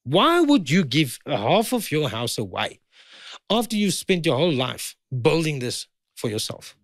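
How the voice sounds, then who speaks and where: A man's voice: on the high side, big pitch swings, measured pace, dry recording, clean studio sound. A South African man in his fifties, a guest in a heated conversation, pressing and repeating his points. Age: 50s.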